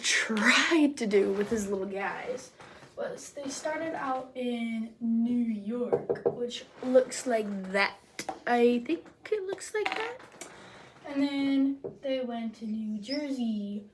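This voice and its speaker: Woman, homemade history explainer, high-pitched, goofy, slangy, lively delivery. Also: slow, background noise. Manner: playful and jokey, with slang asides; lively, with sudden loud bursts and drops to near-whispers. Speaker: presenter of a homemade history video.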